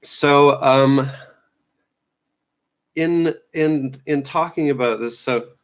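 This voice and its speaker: A man's voice: medium pitch, drawn-out words. A man hosting a casual news roundup, rambling and offhand, with lots of fillers and restarts. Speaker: news show host.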